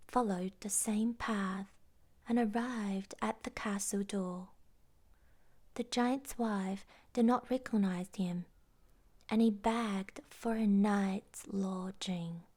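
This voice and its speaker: A woman reading a bedtime fairytale aloud in a hushed, half-whispered storytelling voice. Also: medium pitch.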